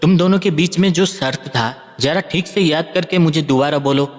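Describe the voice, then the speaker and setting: A man voicing a calm, wise old holy man who speaks gently and patiently, with a long hall reverb on the recording. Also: a little high, normal speed, faint music behind, close to an everyday voice. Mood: gently amused.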